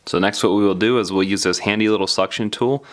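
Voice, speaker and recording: Speaking quickly in a steady, low-leaning voice, a DIY phone repair presenter talks viewers through a repair step by step. His narration is casual, informal and plain-spoken, and the audio carries a little hiss or hum.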